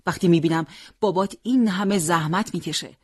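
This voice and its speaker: A worried, tender mother who coaxes her son and scolds gently when he shuts her out, as an audiobook reader puts her on. The voice is a little husky, raised somewhat in pitch, and sits in a dry, close room. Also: no room sound, lightly acted. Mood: anxious. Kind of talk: audiobook character reading.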